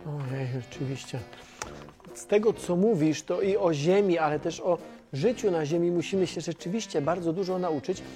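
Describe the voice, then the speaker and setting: A performer gives voice to a kindly, inquisitive young man working at a flight control center in an educational cartoon for kids, a relaxed and slightly clueless character. Her pitch is fairly low and close to her everyday voice, at normal speed. Music plays in the background.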